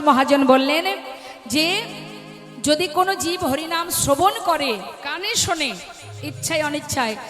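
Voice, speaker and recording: Woman kirtan preacher, high voice, sermon over a stage mic with soft music in a roomy hall. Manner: addresses listeners as mother, asks them questions. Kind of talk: devotional sermon to a live audience.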